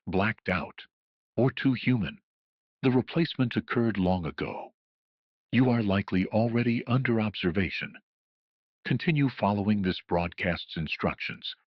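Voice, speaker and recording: A man with a lowish, slightly rough voice narrates a scripted horror emergency broadcast, taking on the role of a solemn, ominous official announcer. The audio is muffled and lo-fi, with a roomy echo.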